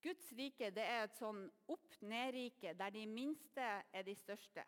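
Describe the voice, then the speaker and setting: A woman preacher giving a sermon, retelling the story in a lively way and acting out the voices. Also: fairly high pitch, big-room sound.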